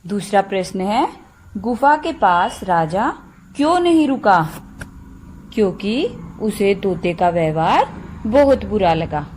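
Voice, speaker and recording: A woman's voice: medium pitch, lively intonation, a little mellow, a little hiss or hum. A woman teaching a primary school class, asking and answering simple questions and explaining words one by one. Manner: slow, deliberate, explains word by word to children. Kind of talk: slow classroom lesson for young children.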